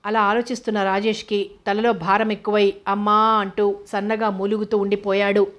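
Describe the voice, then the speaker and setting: Woman, audiobook narrator, steady reading, flat even pitch, mid-range voice. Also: normal speed. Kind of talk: scripted audio novel narration.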